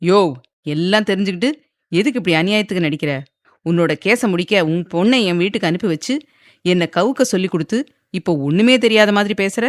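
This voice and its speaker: A woman voicing a furious young husband who shouts in harsh, rapid, scornful bursts in a storybook reading. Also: lowish voice, no room sound, clean studio sound, lightly acted. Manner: shouting, sneering, rapid angry speech.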